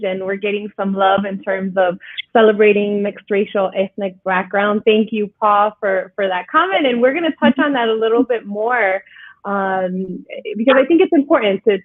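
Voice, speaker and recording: A woman's voice: medium pitch, dry recording. A woman hosting a livestream interview, upbeat and inviting, with some fillers. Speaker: livestream host. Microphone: video call. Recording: dry, phone-like video call audio.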